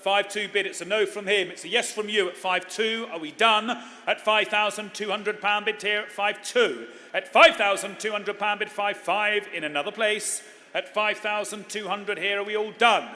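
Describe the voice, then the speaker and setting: High, bright-voiced male auctioneer calling bids. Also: steady tone, moderate pace, few pauses. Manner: repetitive chanting of numbers. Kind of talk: live auction bid-calling. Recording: echoey hall with long reverb.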